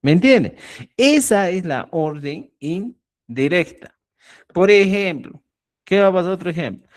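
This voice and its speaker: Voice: medium pitch, lively intonation, a little slow. A language teacher giving an online lesson, explaining with everyday examples and checking often that the class is following. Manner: keeps checking understanding with "¿ya?". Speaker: Quechua teacher.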